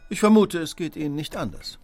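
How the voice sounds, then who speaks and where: Sherlock Holmes, theatrical, animated detective. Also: male voice, a little high, brisk, no room sound, soft background music. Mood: cool, taunting. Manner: eloquent, swings from hushed to emphatic. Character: incisive, theatrical male detective, commanding and self-assured. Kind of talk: German radio drama acting.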